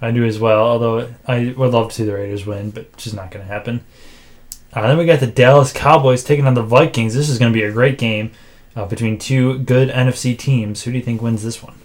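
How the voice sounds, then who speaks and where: A man co-hosts a casual sports podcast, making game picks in a dry delivery he himself calls monotone, full of filler words. He talks a little fast at medium pitch.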